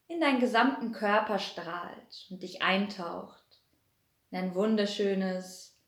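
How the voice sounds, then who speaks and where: A woman leads a guided meditation in a slow, unhurried voice, her pitch sitting in a middle range. Her delivery is soothing and repetitive, drawing each phrase out gently. The recording has a noticeably echoey, roomy sound.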